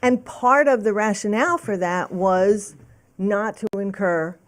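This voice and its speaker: A woman's voice: medium pitch, a little slow. A woman panelist speaking analytically and with emphasis in a panel discussion.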